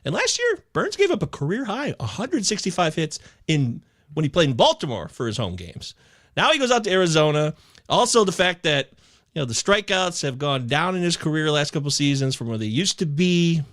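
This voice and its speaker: A man talking fantasy baseball picks on a podcast, theatrical and emotional, swinging from loud outbursts to quiet asides. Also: fairly high pitch, big pitch swings, brisk. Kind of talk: casual podcast chat.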